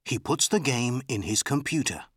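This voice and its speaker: A man narrating a scripted children's story in a clear, simple storytelling manner. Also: mid-range voice, lively intonation, moderate pace, noisy background.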